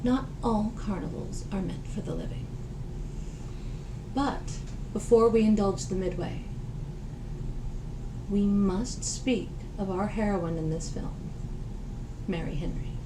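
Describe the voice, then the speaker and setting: A woman playing a darkly dramatic horror hostess, delivering measured, clipped gothic narration. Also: mid-range voice, noisy background.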